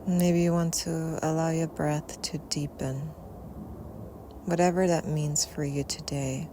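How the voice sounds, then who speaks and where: Out in nature, with faint ambient sound around her, a meditation guide leads a Yoga Nidra session in a low, steady voice. She speaks softly and without hurry, leaving long pauses and letting breath trail off at the end of her phrases.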